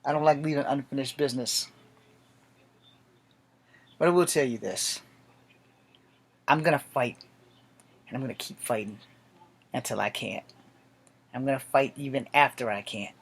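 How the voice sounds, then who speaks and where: A man's voice: medium pitch, moderate pace, gravelly, long pauses, slightly rough. A man in his late forties, an army veteran, speaking a blunt, profane and defiant personal monologue to camera. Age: 40s.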